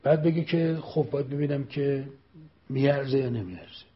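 A man giving an emphatic political speech, repeating phrases and firing pointed rhetorical questions. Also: mid-range voice. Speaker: speaker addressing an audience. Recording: dull lo-fi recording.

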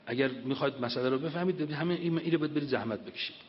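Man preaching over a dull recording. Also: fairly high pitch. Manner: emphatic, recites scripture then explains it. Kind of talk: religious lecture.

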